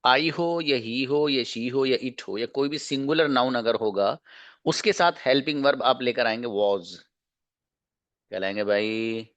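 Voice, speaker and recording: A man teaching English grammar to a class, drilling example sentences slowly and checking understanding with quick questions. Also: mid-range voice, fairly bright tone, dry recording.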